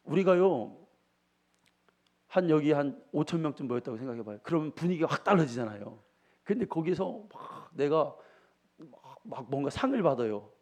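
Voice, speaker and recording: A middle-aged man pastor preaches a sermon in a fairly high, darkish voice with lively intonation at a moderate pace. He tells homely, folksy stories and often puts questions to the congregation.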